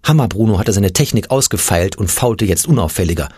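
A man reading a children's audiobook in a lively storytelling manner, voicing the characters as he goes. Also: fairly low pitch, fairly quick, breathy edge, no echo, clean studio sound. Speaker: audiobook narrator.

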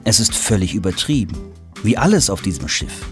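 Lively male storybook narrator. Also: on the low side, brisk, soft background music. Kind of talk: children's audiobook narration.

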